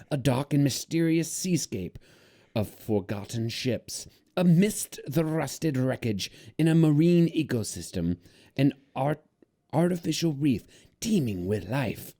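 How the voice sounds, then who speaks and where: A man's voice: mid-range voice, animated, slow pace, warm tone, pitched above the performer's own voice. A man doing a hammy old sailor voice to read a beer label aloud, laughing through parts of it. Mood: theatrical. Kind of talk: podcast chat, mock-dramatic reading.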